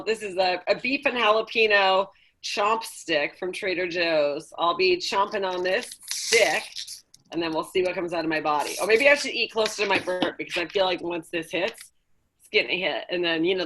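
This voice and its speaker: Very bright-voiced, joking woman. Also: fairly low pitch, fairly quick. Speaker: contest participant. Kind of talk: casual chat. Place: indoors, on a video call.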